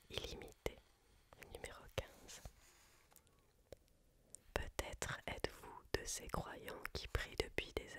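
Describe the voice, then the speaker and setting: A voice reading a book aloud as ASMR in a hushed library whisper, measured and unhurried. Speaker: reader.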